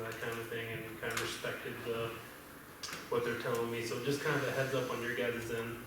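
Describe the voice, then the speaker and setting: A man, a deputy, giving his report at a council meeting in a monotone, with many ums and uhs. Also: medium pitch. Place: council chamber. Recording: echoey hall recorded from far off, noisy.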